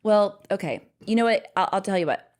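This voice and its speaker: A woman's voice: medium pitch, brisk. A middle-aged woman co-hosting a podcast, chatting casually with her husband, rambling and laughing often. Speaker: podcast co-host.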